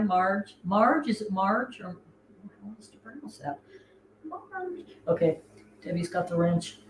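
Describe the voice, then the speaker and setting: A middle-aged woman hosting a casual livestream, chatting and laughing with her viewers. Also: lowish voice. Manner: chatty, giggly, talks to viewers. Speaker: host. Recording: echoey room, faint noise.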